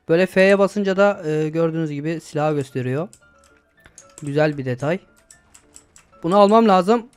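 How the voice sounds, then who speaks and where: An excitable young man commentating his own gameplay, with a voice a little higher than most men's. He talks casually, swears and shouts at the game when things go wrong. Faint music plays under his voice. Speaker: gaming YouTuber.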